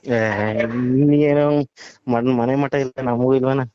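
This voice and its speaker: A man's voice: mid-range voice, fairly even intonation, slow pace, warm tone, smooth. A man taking a phone call who humors and then scolds the caller, humming along often. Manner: patient at first, then scolding, with frequent hums. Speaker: call recipient. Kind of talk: phone conversation. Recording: muffled phone call audio.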